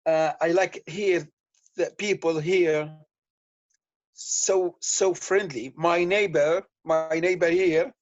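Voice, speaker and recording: A man from Syria with a Syrian Arabic accent, talking on a video call in halting, simple English with lots of repeated words, tired and thirsty from fasting. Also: fairly high pitch, steady tone, no room sound, highs cut off. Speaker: guest. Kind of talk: casual chat on a video call.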